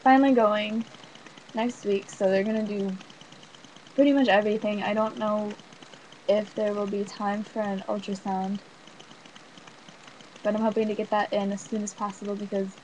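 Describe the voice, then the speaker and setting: A woman's voice: medium pitch, flat delivery, moderate pace, pauses often, darkish tone, slight background noise, poor audio. A young pregnant woman talking casually on a vlog, rambling with fillers and nervous little laughs. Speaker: vlogger. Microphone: webcam or built-in mic.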